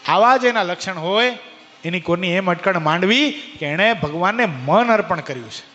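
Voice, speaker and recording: Gujarati guy preaching, high bright voice, asks the crowd questions, echoey temple hall with soft music. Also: lively intonation, moderate pace, highs cut off. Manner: speaks directly to listeners by name, with rhetorical questions; drops to a low hush for emphasis. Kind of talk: devotional sermon.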